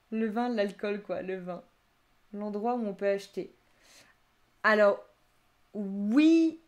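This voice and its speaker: A woman's voice: mid-range voice, takes it slowly, pauses often. A young woman teaching Japanese vocabulary on a live stream, reading out and reacting to chat answers with frequent laughter. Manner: lively, laughs often, reads chat answers aloud.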